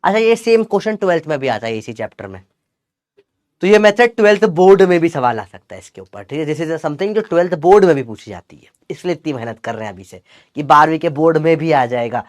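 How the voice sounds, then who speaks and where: A man's voice: on the high side, lively intonation, a little fast, no echo. A young man teaching physics in a chatty, teasing lecture. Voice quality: chatty, teasing, calls students beta. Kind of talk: classroom lecture with Gen Z slang.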